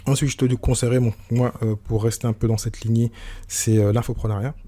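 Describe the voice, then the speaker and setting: A man's voice: mid-range voice, fairly even intonation, fairly quick, dark tone. A man hosting a solo podcast, talking informally and rambling with many restarts and fillers. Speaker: podcast host.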